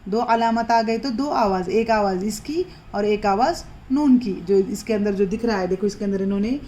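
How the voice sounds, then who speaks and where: A woman teaching Quran recitation, who says each word slowly, repeats it and checks in with her students. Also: mid-range voice, dark tone, a little hiss or hum. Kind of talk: Quran pronunciation lesson.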